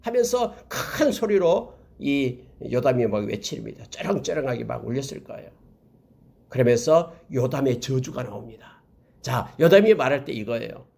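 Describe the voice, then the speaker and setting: A male pastor teaching a Bible sermon, speaking straight to his listeners and pushing his pitch up hard on key words. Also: moderate pace, creaky, a little mellow, slightly rough. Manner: emphatic, swings pitch up sharply on key words; addresses listeners directly.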